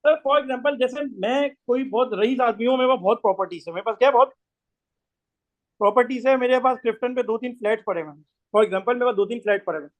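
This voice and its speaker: A hoarse man gives a classroom lecture, mixes in English terms, and keeps quizzing the class with repeated questions. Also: extremely high pitch, fast. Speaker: tax course lecturer. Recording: tinny phone-like lo-fi recording.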